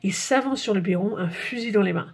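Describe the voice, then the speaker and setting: A woman narrating a children's audiobook in a lively, expressive storybook style. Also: medium pitch, a little fast, husky. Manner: lively, expressive read-aloud.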